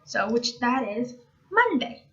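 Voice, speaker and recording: Chatty higher-voiced woman teaching online. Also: very animated, pushed and bright. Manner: chatty, repeats each word slowly for learners. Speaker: language teacher. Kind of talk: casual online language lesson. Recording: dull lo-fi recording.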